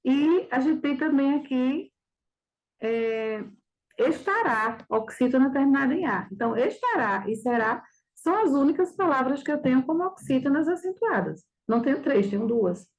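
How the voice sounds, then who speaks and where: A woman teaching language with a fairly high voice. She works through exam answers step by step, pausing often to ask whether everyone follows. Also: expressive, a little mellow, poor audio. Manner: didactic, with frequent checking questions. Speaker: Portuguese teacher. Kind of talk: reviewing a practice exam.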